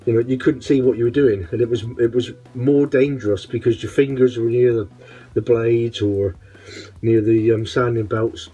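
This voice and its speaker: A man's voice: medium pitch, mellow, husky, poor audio. Man talking through a face visor. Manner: rambling, hesitant, with many ums and restarts. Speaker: woodworker reviewing a respirator. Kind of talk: casual product review. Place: home workshop.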